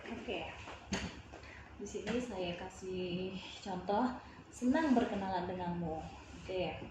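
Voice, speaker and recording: A woman teaching Mandarin basics in a casual online lesson, slowly and patiently repeating phrases and tones. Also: mid-range voice. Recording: muffled, echoey room with faint noise.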